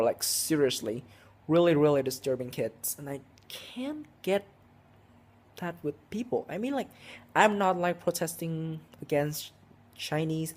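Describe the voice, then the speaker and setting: Here a teenage vlogger of sixteen rambles through a casual story, frequently starting over and leaning heavily on "like" and "um." He has a slightly high voice with a darkish tone.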